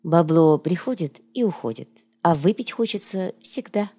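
A woman voicing a sly male schemer who speaks in a soft, purring, ingratiating way. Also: fairly low pitch, animated, normal speed. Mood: coaxing.

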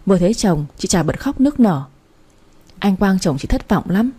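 A woman narrating a family story in the first person, in an even storytelling manner. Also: mid-range voice, moderate pace, breathy edge.

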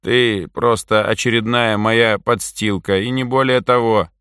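A man voicing Mitka, a nervous and gruff young man, in a raised, tense voice in an audiobook. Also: on the low side, steady tone, unhurried, fairly bright tone, no echo, studio quality, pitched above the performer's own voice.

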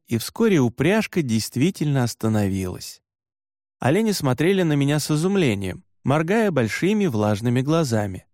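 A man reading a children's audiobook in first person, with an expressive, lively delivery. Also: medium pitch, dry recording, clean studio sound. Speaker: audiobook narrator.

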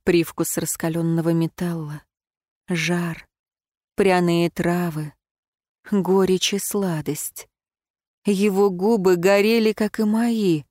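A woman reading first-person fiction aloud in an expressive, emotional way. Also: on the low side, takes it slowly, pauses often, dry recording, clean studio sound. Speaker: audiobook narrator.

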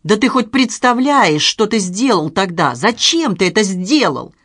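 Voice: medium pitch, sing-song, a little slow, fairly bright tone, dry recording, voice pushed up. An audiobook narrator voicing a tired, stern middle-aged father, a mayor, who scolds with weary authority, in a dry recording. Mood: scolding. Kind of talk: dramatized audiobook reading.

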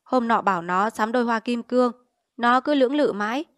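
A woman's voice: fairly high pitch, a little fast, a bit bright, dry recording, studio quality, close to an everyday voice. Storybook gossip, scornful young wife grumbling about her husband, read by a woman narrator.

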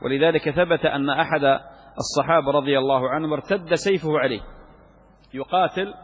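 A man's voice: on the high side, fairly quick, husky. A sheikh teaching Islamic law, lecturing on a legal text, asking and answering his own questions and repeating key phrases for emphasis. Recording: muffled lo-fi recording in a reverberant hall.

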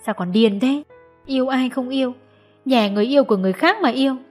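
A woman's voice: high voice, fast talker, pitched above the performer's own voice. A woman voicing a stern but loving middle-aged mother in an audiobook, scolding at times and coaxing at others, over faint music. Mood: gentle coaxing. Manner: scolding, then soft and coaxing. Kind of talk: audiobook character voice.

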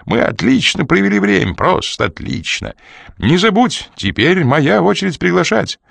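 A man's voice: high-pitched, sing-song, moderate pace, vocal fry, a bit bright, dry recording, voice pushed up, full character voice. A man voicing a cheerful departing guest thanking his host. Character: grateful departing man over a running engine.

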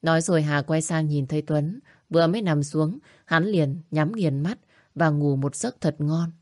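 A woman narrating a family story in a steady, even reading voice. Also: low-pitched, normal speed, no echo, studio quality.

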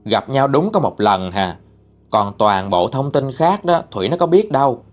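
A man's voice: mid-range voice, very animated, moderate pace, faint music behind. A man with a Southern Vietnamese accent narrating a ghost story in a casual, chatty way, talking straight to his listeners. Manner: chatty, addresses listeners directly.

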